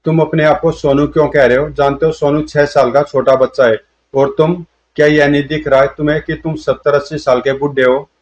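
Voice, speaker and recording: A man's voice: a little high, flat delivery, fairly quick, lightly acted. A man voicing a stern barrister father who questions a stranger, in a comic storybook reading. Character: stern, puzzled father, a middle-aged barrister. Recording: dull lo-fi audio.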